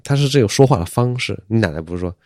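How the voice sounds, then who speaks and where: A man's voice: lowish voice, animated, racing, mellow, no room sound, clean studio sound. A man co-hosting a podcast in casual chat, blunt and critical in a matter-of-fact way. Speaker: podcast co-host.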